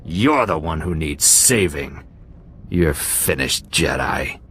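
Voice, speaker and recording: An actor playing a boastful, menacing pirate warlord in a video game, with a pompous manner. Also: male voice, rumbling low, animated, slow, a bit bright, a little hiss or hum, heavily acted. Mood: defiant. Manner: pompous, grandiose. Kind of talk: video game villain acting.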